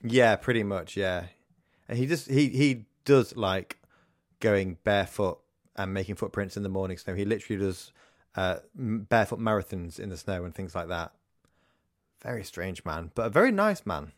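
Low-voiced guy, dry jokes, casual podcast, dead dry sound. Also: animated, moderate pace, dry recording. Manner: dry, wry humor. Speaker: podcast co-host. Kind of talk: casual music review chat.

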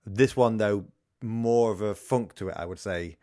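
A man's voice: fairly low pitch, normal speed, dark tone, no room sound. A man co-hosting a podcast, talking about music with a dry, wry humor. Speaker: podcast co-host. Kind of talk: casual music review chat.

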